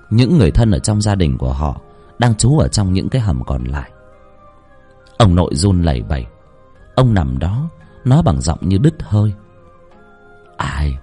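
A man's voice: sits low, warm tone, husky. A man narrating a dramatic, emotive spoken ghost story.

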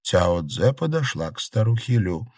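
A man narrating a classic novel as an audiobook reader, in a steady, even storytelling manner. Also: lowish voice, a little slow, no room sound, clean studio sound. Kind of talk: scripted narration.

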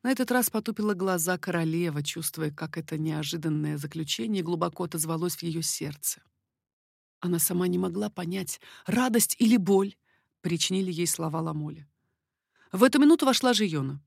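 A woman narrating a historical novel as an audiobook, with even, expressive storytelling. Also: lowish voice, brisk, creaky, no echo, clean studio sound.

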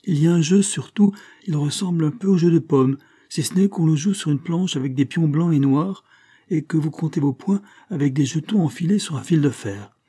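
A man voicing an eager young boy in a read-aloud storybook, lively and earnest. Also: a little high, moderate pace, husky, pitched above the performer's own voice. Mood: excited. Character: eager, bright young boy, a little lord.

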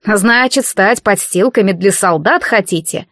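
A woman voicing a stern, scheming peasant mother who talks in a sharp, commanding way. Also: mid-range voice, a little slow, dry recording, studio quality, natural voice. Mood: harsh.

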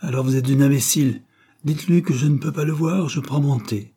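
A man's voice: medium pitch, fairly quick, warm tone, husky, voice pushed up. A man reading aloud and voicing an arrogant, spoiled teenage boy who talks in a scornful, bossy way. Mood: insolent.

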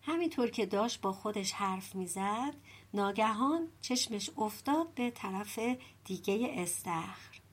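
A woman reading a folk-tale audiobook in an even storytelling voice. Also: mid-range voice, husky. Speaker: audiobook narrator.

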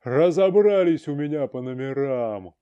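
A man's voice: medium pitch, lively intonation, unhurried, clean tone, dry recording, lo-fi sound, pitched above the performer's own voice, natural voice. A man voicing a burly, rude woman shop clerk who barks orders and sneers. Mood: barking. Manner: barking, scornful.

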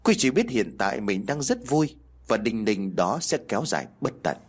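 A man with a husky voice, narrating a ghost story in an expressive, measured way. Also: lowish voice.

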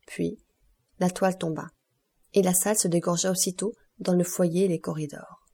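A woman reading a classic novel aloud as an audiobook, in steady scripted narration. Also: on the low side, normal speed, vocal fry, slightly rough. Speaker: audiobook reader.

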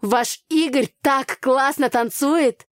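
A woman's voice: high voice, slow pace, voice pushed up. A woman voicing a cheerful, enthusiastic young friend in a storybook reading. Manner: upbeat, enthusiastic.

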